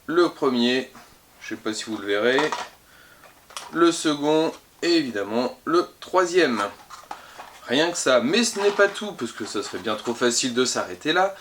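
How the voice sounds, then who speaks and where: A man's voice: medium pitch, expressive, measured pace, fairly bright tone, slight background noise. A man who works in a game shop, running through the week's new releases to camera in a chatty, upbeat way with frequent hesitations and self-corrections. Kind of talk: casual product roundup to camera.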